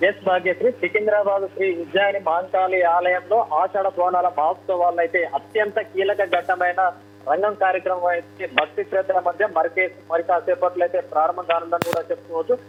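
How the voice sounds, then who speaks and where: A man's voice: sits high, little pitch movement, quick pace. A man giving a live field news report over the telephone. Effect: phone line. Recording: muffled phone line, faint noise.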